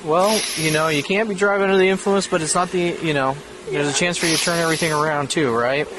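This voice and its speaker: A man's voice: fairly high pitch, fairly even intonation, fast. A male police officer giving matter-of-fact, explanatory instructions during a roadside arrest, recorded as body cam audio. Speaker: police officer making a drunk-driving arrest. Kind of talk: procedural spoken instructions at a roadside stop. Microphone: body-worn camera microphone. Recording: body cam audio, clear background noise. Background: vehicle and ambient noise.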